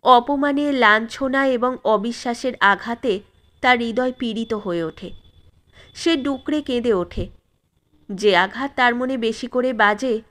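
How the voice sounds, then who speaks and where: A woman storyteller reading a classic short story aloud, steady and expressive, voicing every character herself. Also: high-pitched. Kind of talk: scripted story narration.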